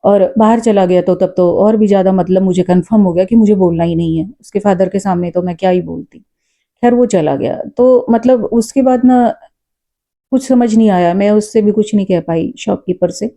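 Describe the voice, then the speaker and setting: Mom telling a story she saw, super mellow dark voice, earnest, lots of uh pauses. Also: mid-range voice. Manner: earnest, reflective, halting with fillers; says she talks loud and forcefully. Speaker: storyteller vlogger; mother. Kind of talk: casual spoken storytelling.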